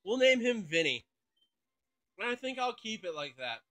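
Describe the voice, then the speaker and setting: A man's voice: high voice, big pitch swings, normal speed, sharp tone. A man hosting a gaming channel, thinking aloud and swearing casually through let's play commentary.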